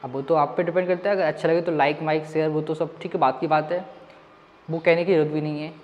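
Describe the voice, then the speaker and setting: A man's voice: fairly high pitch, steady tone, quick pace, highs cut off. A man teaching maths in a casual online lesson, talking straight to his students and mixing English words into his talk. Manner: chatty, addresses students directly, mixes in English words. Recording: long reverb.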